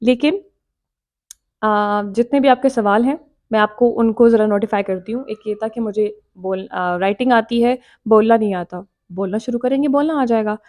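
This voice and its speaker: A woman's voice: on the high side, normal speed, a little mellow. A woman English teacher giving a casual spoken lesson, talking directly and encouragingly and repeating her points.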